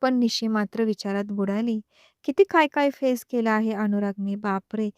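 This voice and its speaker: A woman narrating an audio story with an expressive reading style. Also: medium pitch, normal speed, smooth, no echo, studio quality.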